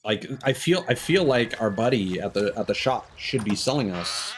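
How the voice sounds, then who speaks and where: This streamer's voice sits on the low side with big swings in pitch, moving at a normal speed. He chats casually over game music, thinking through his gameplay out loud in an analytical way.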